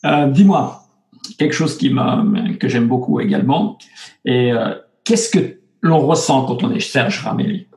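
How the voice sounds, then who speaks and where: A man's voice: medium pitch, a little slow, darkish tone. Man interviewer in an echoey room. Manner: friendly, brief affirmations and leading questions. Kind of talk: casual interview chat. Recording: roomy echo.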